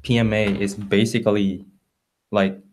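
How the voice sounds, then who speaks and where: A man's voice: on the low side, flat delivery, measured pace, darkish tone, a little hiss or hum. A young man co-hosting a podcast in casual, slangy talk peppered with "like" and "dude". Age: young adult. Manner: slangy, filler-heavy phrasing with "like" and "dude". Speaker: podcast co-host. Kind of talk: casual chat. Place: library room.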